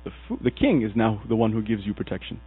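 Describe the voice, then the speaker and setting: An Egyptian man speaks quickly in a lowish voice, delivering his sermon as a story and animatedly acting out each quoted figure. The husky tone is set against a dry, tinny, phone-like recording carrying mains hum.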